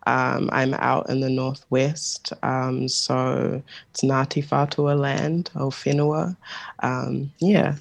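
Creaky, hesitant New guest. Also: mid-range voice, flat delivery, slow. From New Zealand. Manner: hesitant, many ums, laughs lightly. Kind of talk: casual interview chat.

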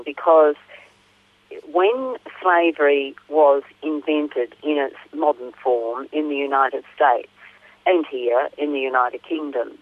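A woman's voice: low voice, no echo. A woman explaining things as an expert interview guest, speaking over a telephone line. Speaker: interview guest, author and academic. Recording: narrow, tinny phone line.

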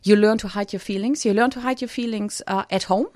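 A woman from Germany, guesting on radio, tells her own story with hesitation, fillers and restarts. Her mid-range voice is steady, darkish and fairly quick, recorded on a studio microphone with no room sound.

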